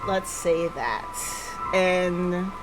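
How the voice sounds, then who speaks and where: A woman with a lowish voice hosts a casual game livestream, talking with viewers and thinking aloud in hesitant fragments at an extremely slow pace. The recording is low quality, with music playing beneath her voice.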